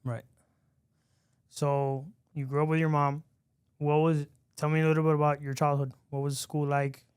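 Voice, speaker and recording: Male podcast host, smooth clear tone, dry close sound, relaxed chatty delivery with restarts. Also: a little high, normal speed, no room sound. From lives in Miami. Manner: easygoing, chatty, frequent restarts and laughs. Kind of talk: casual interview chat.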